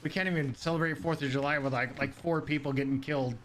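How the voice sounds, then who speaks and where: A man's voice: fairly high pitch, steady tone, a bit bright, a little hiss or hum. A man chatting casually with a friend while gaming, joking, swearing and laughing often. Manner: profane, joking, quick to laugh. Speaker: gamer. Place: Saint Louis.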